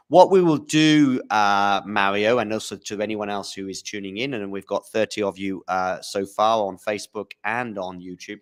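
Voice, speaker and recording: A man hosting a live tennis commentary podcast, chatting casually with fillers. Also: on the low side. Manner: chatty, relaxed, frequent fillers.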